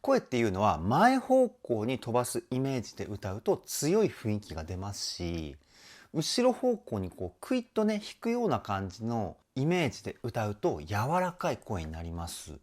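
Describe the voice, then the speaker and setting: A man's voice: on the low side, huge pitch swings, normal speed, darkish tone. A male vocal trainer hosting his channel, enthusiastically explaining singing technique while reacting to a music video. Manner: enthusiastic, explanatory, sings short demo phrases. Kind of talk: reaction and vocal analysis commentary.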